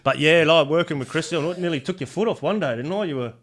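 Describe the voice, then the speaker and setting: A man's voice: fairly high pitch, quick pace, a bit bright. A middle-aged man with an Australian accent, a podcast guest spinning rambling yarns in casual chat, laughing often and restarting his sentences.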